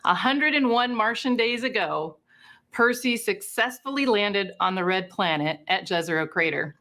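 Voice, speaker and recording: A woman presents a space mission update in a mid-range voice. She explains things clearly for a general listener and keeps an upbeat, positive manner. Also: mid-range voice, animated, moderate pace, sharp tone. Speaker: space mission team member.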